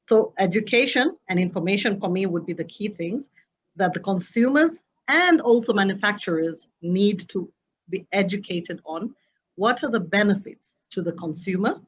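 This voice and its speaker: A woman from Kenya with a heavy, low-set voice speaks softly and methodically, pausing on fillers as she explains her points. Her voice comes through a video call with dull, lo-fi sound. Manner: soft-spoken, explanatory, with hesitant fillers. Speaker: panelist, dairy manufacturer. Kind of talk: panel discussion remarks.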